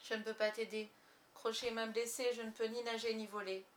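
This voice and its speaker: A woman's voice: on the high side, little pitch movement, a little fast, echoey room, slight background noise, lightly acted. A woman voicing a brave young boy hero in a storybook reading, speaking urgently and earnestly. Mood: grave.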